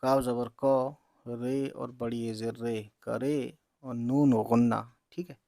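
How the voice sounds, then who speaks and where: Slow, gravelly man spelling out letters. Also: mid-range voice, level tone, mellow, no echo, clean studio sound. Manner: spells out letters and vowel marks slowly, says "theek hai" often. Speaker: Urdu reading teacher. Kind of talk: slow letter-by-letter reading lesson.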